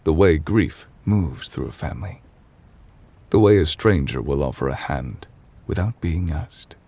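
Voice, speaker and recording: In an ASMR roleplay, a man voices an ancient, immortal chief justice who is solemn and gentle, speaking formally and haltingly. His confiding voice is gravelly, breathy, and rumbling low, and the performance is heavily acted.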